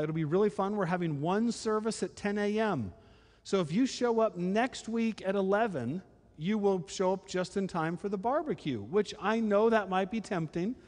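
Upbeat pastor in a reverberant church. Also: male voice, on the high side, a little mellow. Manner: friendly, upbeat announcing with fillers. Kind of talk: church announcements and prayer. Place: large church sanctuary. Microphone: handheld microphone. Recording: long reverb of a church hall.

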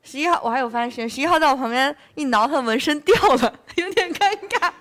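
A woman's voice: sits high, very fast, a bit bright. A woman playing in a werewolf game show, reasoning through each player's speech in turn.

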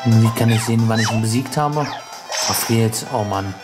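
A man's voice: fairly low pitch, moderate pace. A man giving casual commentary while playing a video game, musing aloud. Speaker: let's play host. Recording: loud game music behind.

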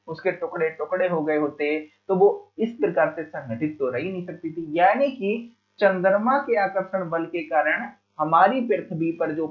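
A man giving a geography lesson, often repeating key terms and putting questions to the class, casually calling his listeners "brother.". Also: on the high side. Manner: casual, addresses listeners as "bhai". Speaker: teacher. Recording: phone-like narrow sound.

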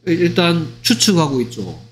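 A man teaching English grammar in a lively, teasing way, often checking whether students follow. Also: a little high, moderate pace, music in the background. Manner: acts out short skits in other voices. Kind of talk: online grammar lecture.

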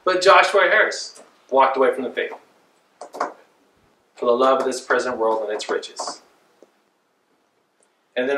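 A man in his forties preaching a sermon from a pulpit in a small church, talking in a loose, conversational way. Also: lowish voice. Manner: conversational, animated with hand gestures. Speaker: pastor. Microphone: far camera. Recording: roomy church echo, mic at a distance.

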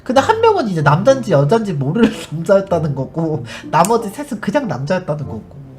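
A woman's voice: fairly low pitch, sing-song, fairly quick, a little mellow, a little hiss or hum. A woman hosting a live stream, chatting casually as she tells a story and acts out the people in it. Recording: music under the voice. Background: background music.

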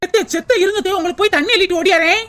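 A woman's voice: very high voice, very noisy. Woman voicing a mocking young daughter-in-law. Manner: fast mocking chatter. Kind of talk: cartoon voice acting.

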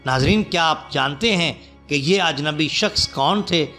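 A man narrating a story in a formal, scripted, even storytelling delivery. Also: a little high, faint music behind.

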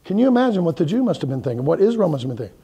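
A middle-aged male pastor delivers a conversational sermon in a church hall. His voice is pitched fairly high, yet it sounds dark and mellow, with a gravelly rasp running through it. He moves around as he talks and keeps asking the room questions. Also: very animated, racing. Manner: conversational preaching, asks the congregation questions; moves around and gestures while preaching. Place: church hall with a projection screen.

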